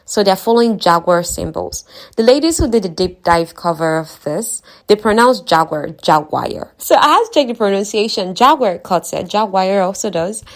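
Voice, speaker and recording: A woman's voice: medium pitch, animated, normal speed. Chatty woman recapping a fantasy novel. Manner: chatty, conversational, talks to listeners. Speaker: book recap narrator. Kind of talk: casual story recap with asides.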